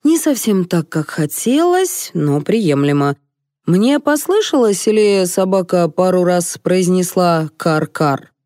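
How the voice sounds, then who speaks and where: A woman voicing an excitable, bossy male film director who shouts orders, reading an audiobook in a dry studio. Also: on the low side, unhurried, few pauses, no room sound, natural voice. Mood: exasperated. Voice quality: shouting, exasperated.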